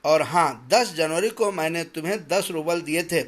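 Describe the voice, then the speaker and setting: Reading a school story aloud, a man voices a stern, calculating master of the house who counts every coin out loud and lectures with heavy, deliberate emphasis in a pedantic manner. The voice sits a little high for a man and grows sharp, shouting and stammering when his anger boils over. The character is drawn plainly, staying close to the reader's own voice.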